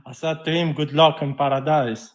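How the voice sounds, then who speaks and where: Halting man. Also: on the high side, fairly even intonation. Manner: halting, with many fillers and restarts. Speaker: debate caller. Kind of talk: live religious debate.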